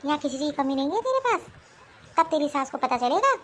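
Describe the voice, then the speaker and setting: A woman voicing a nagging, scolding old mother-in-law in an animated cartoon. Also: sits high, quick pace, a little hiss or hum. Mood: indignant.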